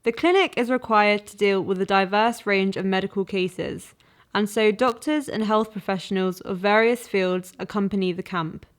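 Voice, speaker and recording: A woman reading scripted documentary narration in an even, informative way. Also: medium pitch, normal speed.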